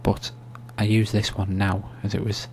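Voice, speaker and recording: A soft-spoken man giving an ASMR-style screen tutorial, explaining steps in a hushed, unhurried, informal way. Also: on the low side, monotone. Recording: faint hum and background noise.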